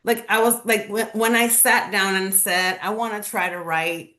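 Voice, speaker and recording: A woman in her forties from the Dominican Republic, a panelist talking quickly with many fillers. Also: mid-range voice, steady tone, sharp tone. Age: 40s. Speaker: romance author, panelist. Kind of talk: conversational panel talk. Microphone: video call.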